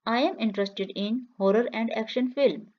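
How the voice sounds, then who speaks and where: A woman reads English practice phrases for beginners, saying every line twice in a slow, careful way. Her voice sits fairly high. The recording sounds a little dull and lo-fi. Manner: says each line twice, clear and measured. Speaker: English teacher. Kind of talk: slow repeated phrase reading for learners.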